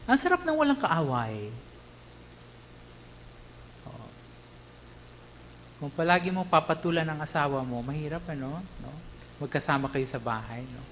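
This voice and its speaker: A man from the Philippines, a pastor, preaching in an animated way, mixing in English and asking his listeners questions as he goes. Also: fairly high pitch, a little slow, long pauses, a little hiss or hum, low-quality recording. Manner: animated, mixes English, tag questions, acts out quotes. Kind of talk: Tagalog sermon.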